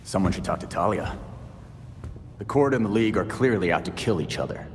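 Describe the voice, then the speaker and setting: A man's voice: deep voice, animated, fairly quick. A man acting a blunt, sarcastic young vigilante in a video game cutscene. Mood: sardonic. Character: gruff, sardonic young male vigilante. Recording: reverberant room, faint noise.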